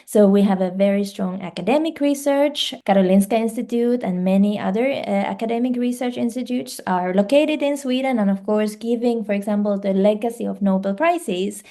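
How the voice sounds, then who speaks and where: Being interviewed as a podcast guest, this life science director from Finland speaks fluently as a second-language speaker at a normal pace with hardly any pauses. Her mellow voice sits at medium pitch, though she sounds hesitant, with fillers and restarts.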